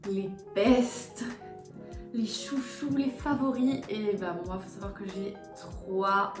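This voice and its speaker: A young woman chatting casually in a book vlog, animated, swinging between quiet asides and excited bursts. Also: mid-range voice. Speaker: booktuber. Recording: echoey room with faint music.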